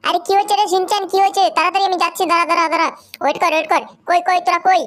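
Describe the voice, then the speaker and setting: A man's voice: very high-pitched, steady tone, a bit bright, no echo. A man voicing a grown-up uncle character who scolds the children. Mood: bustling. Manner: quick, scolding.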